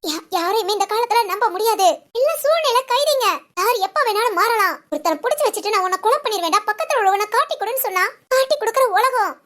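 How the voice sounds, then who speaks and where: A woman's voice: very high voice, lively intonation, fast, hardly any pauses, fairly bright tone. A woman voicing an anxious, injured young married woman in a cartoon, talking in a tearful, pleading way. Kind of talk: cartoon voice acting.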